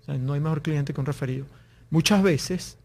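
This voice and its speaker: A man with a somewhat high voice talks through business advice as an interview guest. He explains earnestly and voices short back-and-forth exchanges as examples. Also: fairly quick. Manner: explains with examples, acting out little dialogues. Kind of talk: conversational interview.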